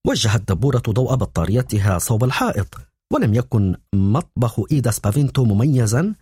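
A man narrating a novel in a steady storytelling manner for an audiobook. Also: medium pitch, fast talker, slightly rough, dry recording, clean studio sound. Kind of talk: scripted narration.

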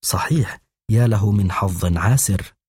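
A man's voice: on the low side, a little slow, darkish tone, husky, dry recording, studio quality. A man voicing a bold young boy who leads a gang of thieves, speaking in a whisper, in an audiobook.

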